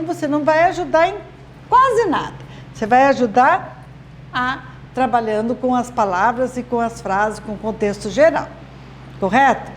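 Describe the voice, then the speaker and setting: A woman, a literacy teacher explaining to parents slowly and patiently, often checking they follow. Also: high-pitched. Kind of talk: instructional video talk to parents.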